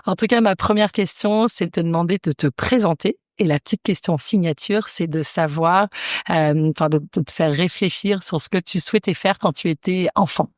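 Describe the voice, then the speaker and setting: A woman's voice: on the low side, moderate pace, no echo, clean studio sound. A Belgian French-speaking woman hosting a podcast interview, friendly and hesitant, with many fillers. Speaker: podcast host and business coach. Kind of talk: casual interview chat.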